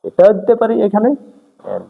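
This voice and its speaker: A man's voice: sits high, huge pitch swings, normal speed, vocal fry, phone-quality sound. A male teacher giving a grammar lesson, speaking straight to his students and checking again and again that they follow. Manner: speaks directly to students, mixing in English terms. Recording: echoey room with long reverb.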